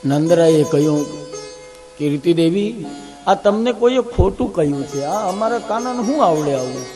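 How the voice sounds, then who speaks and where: A man telling a devotional story as a katha preacher, acting out the characters' lines with big jumps in pitch and loudness. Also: animated, normal speed, soft background music.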